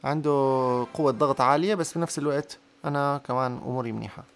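A young man gives excitable live commentary on a mobile game, urging his units on and repeating words over and over. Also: medium pitch, rapid-fire, faint music behind. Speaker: gaming YouTuber.

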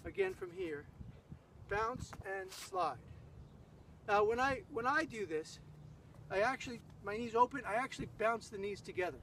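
A man's voice: very high voice, expressive, a little fast, a bit bright. Man calling dance counts from afar. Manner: calls out counts and steps rhythmically. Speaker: dance instructor. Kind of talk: step-by-step dance lesson with counts. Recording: distant mic, faint background noise.

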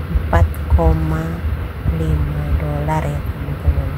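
Indonesian woman, low and unhurried, chatting to viewers on a phone camera over heavy mall noise. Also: flat delivery. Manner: chatty, addresses viewers as friends. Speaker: vlogger. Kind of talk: casual vlog narration. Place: busy shopping mall. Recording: loud mall background noise.

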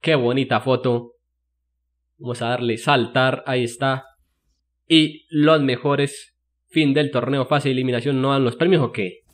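A man doing excited, jokey play-by-play commentary over his own video game match, with emotional exclamations. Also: mid-range voice, normal speed. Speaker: gaming commentator.

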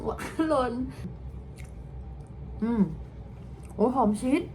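This young woman draws out her words in a darkish tone while chatting casually to camera about her travels, tossing in chirpy asides. She records handheld in her hotel room, on city streets and in stations, and there's plenty of background noise.

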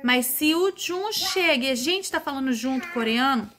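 A woman's voice: high voice, lively intonation, moderate pace, crowd noise. A young Brazilian woman chatting casually in a family vlog, talking about her toddler. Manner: chatty, playful baby talk with her toddler. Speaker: vlogger mother.

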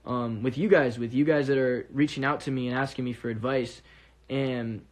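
Male musician, mid pitch, speaking earnestly and rambling straight to fans over a phone stream. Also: fairly even intonation, normal speed. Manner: earnest, rambling with many restarts. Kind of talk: casual livestream monologue.

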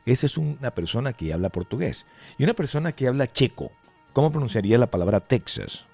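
A male radio announcer giving a casual explainer, animated and full of rhetorical questions. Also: mid-range voice, a little fast, creaky, breathy edge, soft background music.

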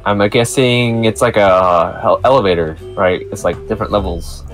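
A man's voice: fairly low pitch, moderate pace, faint music behind. A young man playing a game with friends, easygoing and chatty. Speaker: guest player. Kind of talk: casual let's-play chat.

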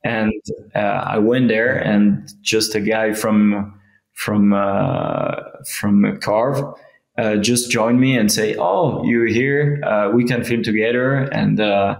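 A man talks slowly over a video call, pausing and restarting often. His voice is low and gravelly, with a flat pitch, and the room around him sounds echoey. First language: French. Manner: halting, many fillers and restarts. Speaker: guest, freeride skier. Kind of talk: casual interview.

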